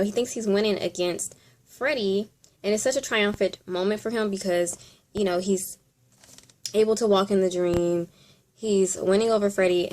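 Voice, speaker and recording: A woman presents a top ten countdown as casual commentary. Her voice sits at an average pitch, and she talks informally, thinking aloud as she goes through her picks. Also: darkish tone, a little hiss or hum. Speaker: video host.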